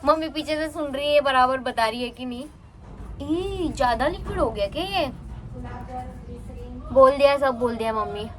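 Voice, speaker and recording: A young woman chatting fast in a casual home vlog, talking into a handheld phone. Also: high voice, expressive, slight background noise. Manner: chatty, mixes in English words. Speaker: vlogger. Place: at home, indoors and on a terrace.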